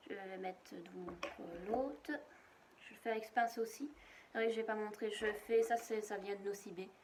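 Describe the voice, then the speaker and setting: A woman's voice: medium pitch, steady tone, moderate pace, noisy background. A woman showing her shopping finds in a casual, rambling home video, full of hesitations. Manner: chatty, rambling, many hesitations. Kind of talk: casual product show-and-tell. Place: at home, indoors.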